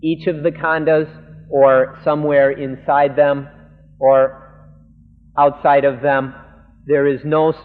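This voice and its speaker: A man, a monk, interpreting a Buddhist sermon live, speaking earnestly in halting phrases. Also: medium pitch. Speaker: monk interpreter of a Dhamma talk. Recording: lo-fi 1980s tape in a reverberant hall.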